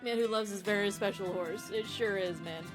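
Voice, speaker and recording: A woman's voice: mid-range voice, brisk, over music, poor audio. A woman chatting casually as she plays a game on a stream. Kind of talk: casual chat while playing a game.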